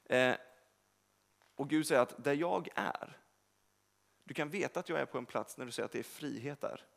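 A man's voice: mid-range voice, vocal fry. A young man giving a casual, rambling sermon in a church, speaking directly to the congregation and correcting himself as he goes. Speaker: preacher. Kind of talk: informal sermon. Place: church service hall.

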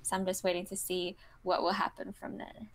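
In an interview, a twentysomething model from Kazakhstan chats and giggles, leaning heavily on fillers like "you know." Her medium-pitched voice barely moves in pitch and comes out fairly quick with vocal fry. There is no echo.

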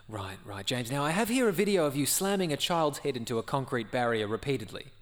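A man playing a brisk, officious afterlife assessor in a comedy sketch, speaking in a matter-of-fact, bureaucratic way. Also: mid-range voice, very animated, close to an everyday voice.

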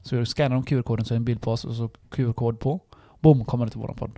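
A man's voice: mid-range voice, no room sound, studio quality. A young man, co-hosting a podcast in casual chat, telling stories animatedly, acting out what people said and laughing often. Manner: animated storytelling, acts out quotes, laughs often. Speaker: podcast co-host.

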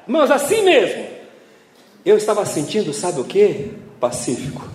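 Animated Brazilian preacher in an echoey hall. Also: male voice, on the high side, a little hiss or hum. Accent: Brazilian Portuguese. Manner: animated storytelling, acting out scenes, laughing often. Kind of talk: testimony sermon. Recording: echoey hall, faint ambience.

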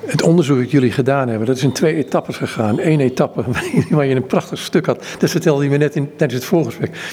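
A man's voice: medium pitch, quick pace, a little mellow, slight background noise. A man interviewing a friar, asking long, probing questions. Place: indoor exhibition centre. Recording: echoey hall, faint ambience.

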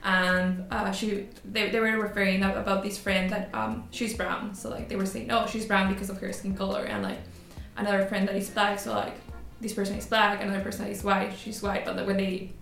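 A young woman from Ecuador joins a casual roundtable as a student panelist. She talks at a middle pitch, hesitant and full of fillers. The sound is roomy, with soft music behind. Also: flat delivery, a little fast, vocal fry, hardly any pauses. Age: young adult. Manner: hesitant, many fillers and restarts. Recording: roomy echo, faint music.

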